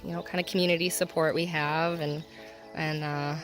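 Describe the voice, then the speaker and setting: A woman's voice: low voice, level tone, a little fast. Emotional, laughing woman vlogging her homestead. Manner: emotional, laughing often, rambling. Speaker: homestead nursery owner. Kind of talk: casual vlog chat.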